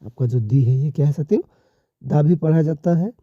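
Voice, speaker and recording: A man teaching a slow, deliberate lesson who keeps addressing his viewers as companions. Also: on the high side, no echo. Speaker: English teacher. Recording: dull lo-fi recording.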